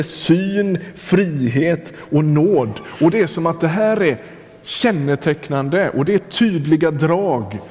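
A man preaching with a fairly high voice, talking to the listener as if in conversation and often starting phrases over. His voice rings out with a long reverb, as in a church hall. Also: a little mellow. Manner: conversational, addresses listener directly, frequent restarts. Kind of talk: sermon.

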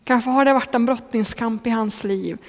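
A woman preaching a sermon in a church, speaking slowly and with emphasis, lingering on repeated phrases. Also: fairly high pitch. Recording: long church reverb.

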